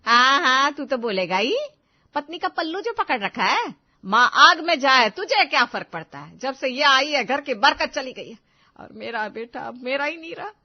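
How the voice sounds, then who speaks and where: A woman's voice: on the high side, brisk, vocal fry, hardly any pauses. A bossy scolding mother-in-law. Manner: scolding, then sugary sweet. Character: sharp-tongued middle-aged mother-in-law, bossy. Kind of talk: Hindi audio drama. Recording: slightly dull lo-fi recording.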